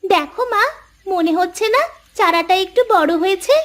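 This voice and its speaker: A woman voicing an eager, excited little village girl in a cartoon, calling out to her parents. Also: very high voice, normal speed. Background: faint music.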